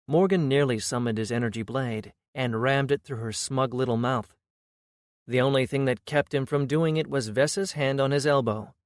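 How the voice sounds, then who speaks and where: A man's voice: mid-range voice, moderate pace, no echo, clean studio sound. Man narrating a fantasy audiobook.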